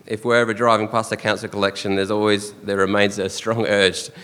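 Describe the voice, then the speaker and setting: A man's voice: on the low side, level tone, a little fast. Australian man giving a eulogy in a hall. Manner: earnest and fond, with soft chuckles. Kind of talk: funeral eulogy. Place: church or funeral hall. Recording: long hall reverb.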